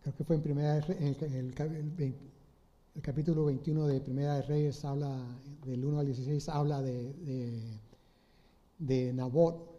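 A man preaching an informal sermon, retelling a Bible story in a halting way with many restarts and rhetorical questions. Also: fairly high pitch, steady tone, mellow. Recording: slightly dull lo-fi audio.

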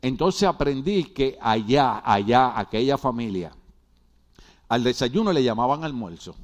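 A man pastor giving a humorous sermon in a church, joking with the congregation and swinging between loud and hushed. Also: medium pitch, unhurried. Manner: animated, jokey preaching with wide swings in loudness. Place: church hall.

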